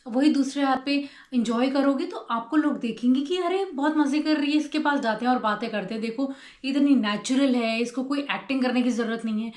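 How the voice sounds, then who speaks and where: A young woman gives a casual motivational talk to her channel's viewers. She explains her points through simple everyday examples. Her voice sits a little high and bounces around an echoey room. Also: brisk, darkish tone. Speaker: YouTube host.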